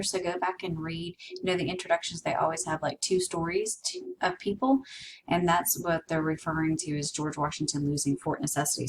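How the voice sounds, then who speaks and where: Woman, history instructor, low-ish voice, chatty lecture, distant mic with faint hiss. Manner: conversational, explains with asides to students. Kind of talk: recorded lecture.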